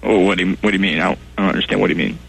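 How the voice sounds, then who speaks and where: A man's voice: low-pitched, steady tone, creaky, a bit bright, breathy edge, full character voice. A man playing a clueless, defensive tech support guy who sighs and gets baffled by simple questions. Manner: slow, baffled, defensive, sighing. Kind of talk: comedy sketch acting.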